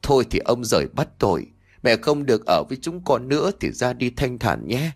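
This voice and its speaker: A man voicing a callous middle-aged village husband who grumbles and lectures in a low voice. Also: big pitch swings, brisk, husky. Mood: feigned grief.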